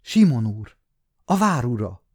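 A man's voice: mid-range voice, sing-song, darkish tone, breathy edge. A man voicing a frightened little girl of about ten, sobbing and pleading in an audiobook.

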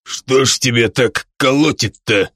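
A man voicing a drunken, leering male tavern brute, growling and gravelly. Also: medium pitch, unhurried, a bit bright, no echo, studio quality. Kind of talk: audiobook character voice.

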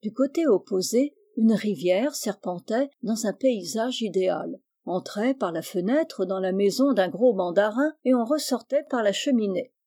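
A woman reading a children's novel aloud, clear and evenly paced in her storybook narration. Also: mid-range voice, lively intonation, moderate pace, few pauses, warm tone. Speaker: audiobook reader.

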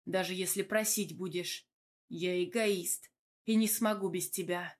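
A woman voicing a young husband who talks in a low, gruff, playful way to his wife. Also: a little slow, close to an everyday voice. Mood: tender. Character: teasing, adoring young husband.

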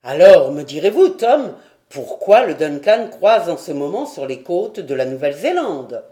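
Woman reader as a lordly gentleman, vehement and urgent, louder, lower, slow. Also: lively intonation. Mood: astonished. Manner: forceful, urgent questions. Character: commanding lord, agitated and vehement.

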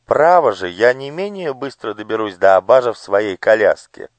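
A man's voice: on the low side, big pitch swings, normal speed, no room sound, voice pushed up. A man voicing a polite, refined noble lady in an audiobook. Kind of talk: audiobook character voice.

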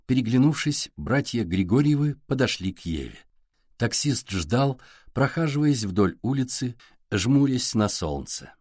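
A man reading a novel aloud as an audiobook narrator, with even, unhurried storytelling. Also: mid-range voice, no echo, studio quality. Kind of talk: scripted narration.

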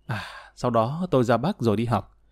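A man's voice: mid-range voice, animated, moderate pace, no echo, clean studio sound, natural voice. A man voicing a courteous middle-aged male war veteran, polite and subdued.

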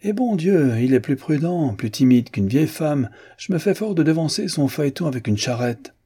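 A man voicing a boastful, reckless young gentleman in an audiobook reading, excitable and brash. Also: fairly low pitch, moderate pace, breathy edge.

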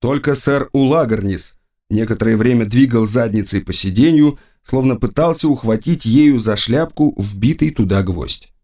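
A man narrating an audiobook in a measured, dry storytelling manner. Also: mid-range voice, darkish tone. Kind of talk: scripted narration.

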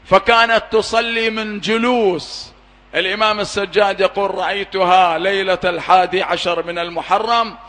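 A man's voice: high-pitched, steady tone, moderate pace, sharp tone. A man giving a mournful sermon, reciting an elegy with impassioned, wailing cries. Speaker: Shia eulogy reciter. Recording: long hall reverb.

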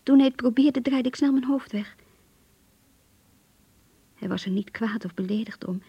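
Rachel, breathy young diarist. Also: female voice, fairly high pitch, normal speed, no room sound, highs cut off. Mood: confiding, tender. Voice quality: soft, breathy. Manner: intimate, reflective narration. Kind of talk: Dutch radio play monologue.

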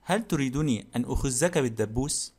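A man's voice: mid-range voice, expressive, brisk, a little mellow, close to an everyday voice. A man voicing a deferential male servant who speaks hesitantly and respectfully in an audiobook. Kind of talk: audiobook character reading.

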